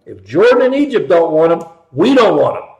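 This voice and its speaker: An American man hosting a talk show, delivering an impassioned political rant with emphatic, punchy repetition and swings between loud and hushed. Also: high voice, sing-song, normal speed, creaky. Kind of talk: impassioned political monologue, ranting. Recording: roomy, echoing sound.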